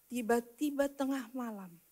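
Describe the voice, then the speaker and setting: A woman preaching a personal testimony, swinging from loud declarations to hushed whispered prayers. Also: fairly high pitch, measured pace. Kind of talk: testimony sermon.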